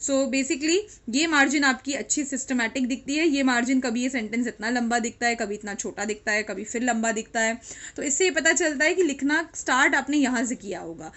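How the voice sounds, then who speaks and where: A woman's voice: high voice, brisk, fairly bright tone. A woman with an Indian accent giving a history lecture to students, switching between Hindi and English and often checking in with "right?". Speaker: teacher. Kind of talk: classroom lecture.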